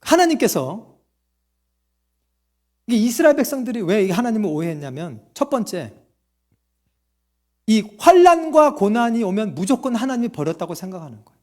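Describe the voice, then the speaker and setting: High-voiced, lively male pastor preaching. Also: normal speed, long pauses. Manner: asks the congregation questions and answers them himself; acts out quoted voices. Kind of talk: sermon.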